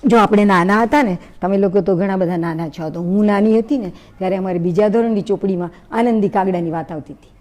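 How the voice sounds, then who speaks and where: A woman giving a storytelling talk to an audience, lively and speaking straight to her listeners. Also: mid-range voice, fast talker. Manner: lively, acts out story voices, addresses listeners directly.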